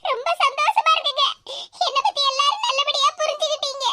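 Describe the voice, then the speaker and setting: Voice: very high-pitched, quick pace. A meek cartoon daughter-in-law. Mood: timid. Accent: southern Tamil Nadu. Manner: soft, timid, polite. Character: meek young daughter-in-law, gentle and tearful. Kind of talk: cartoon voice acting. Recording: loud background noise.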